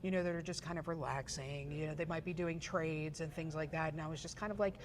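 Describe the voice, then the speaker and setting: A Pittsburgh woman in her forties, an esports photographer and journalist, chats as an interview guest, telling her story with lots of fillers and restarts. Her voice is low and fairly even in intonation, running a little fast over a noisy background.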